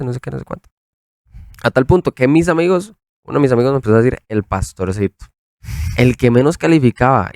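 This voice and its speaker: A man's voice: medium pitch, a little mellow, no room sound. Young male co-host, joking then reflective, medium voice, dry studio mic. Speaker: podcast co-host. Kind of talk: casual faith chat.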